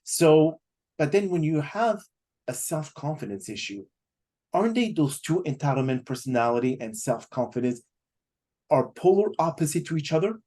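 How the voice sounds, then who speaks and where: A man's voice: a little high, very animated, normal speed, dark tone. A man hosting a podcast, talking at length with many fillers and restarts as he sets up a question. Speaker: podcast host. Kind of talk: casual interview talk.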